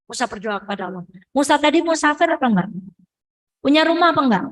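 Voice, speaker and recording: Lady preacher, kinda high voice, playful sermon, keeps asking the ladies questions. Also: animated, quick pace, rough recording. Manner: playful, acts out quoted prayers and dialogue; quizzes the audience with repeated "Bu". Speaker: preacher addressing women. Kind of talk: lively sermon with questions to the audience.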